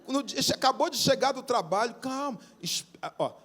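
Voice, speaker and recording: A man's voice: very high voice, normal speed. A male pastor with a Brazilian Portuguese accent preaching a sermon in a church, acting out small everyday scenes as he talks. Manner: animated, acts out little everyday scenes with dropping and rising voice. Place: church sanctuary.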